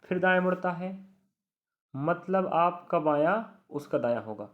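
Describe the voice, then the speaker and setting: A young adult man gives an online reasoning lesson in a fairly high voice, speaking straight to his students. He repeats key words and keeps reassuring them. The recording is muffled and lo-fi. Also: lively intonation, unhurried. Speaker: exam coaching teacher.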